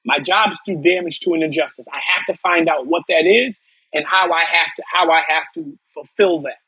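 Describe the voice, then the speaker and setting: A man's voice: a little high, brisk, bright, forceful tone, breathy edge, no room sound, poor audio. A man from upstate New York, a podcast guest telling his personal story earnestly, often restarting and repeating words.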